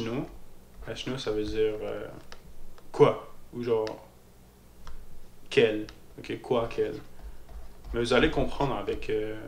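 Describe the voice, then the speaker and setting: A man walks learners through a casual spoken lesson at an unhurried pace, his voice carrying a gravelly edge. He hesitates, repeats himself, and keeps checking in with "ok?". The room is echoey, with faint background noise and keyboard clicks. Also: fairly low pitch. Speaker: Moroccan Arabic teacher.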